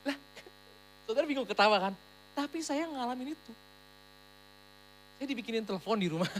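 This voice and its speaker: A woman pastor giving a sermon at a church service in a lively, emphatic way, slipping English phrases into her talk. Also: fairly high pitch, moderate pace, a little hiss or hum, rough recording.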